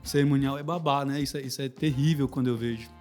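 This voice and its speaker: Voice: mid-range voice, steady tone, fast talker, a little mellow, faint music behind. A Brazilian podcast host asking questions in a chatty, casual interview. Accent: Brazilian Portuguese.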